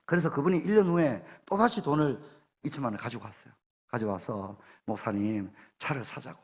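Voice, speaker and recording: A man with a Gyeongsang accent preaching at a revival service in a church, fervent and rising to loud exclamations. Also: medium pitch, big pitch swings, a little fast. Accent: Gyeongsang Korean. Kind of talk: revival sermon. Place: church sanctuary. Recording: church hall reverb.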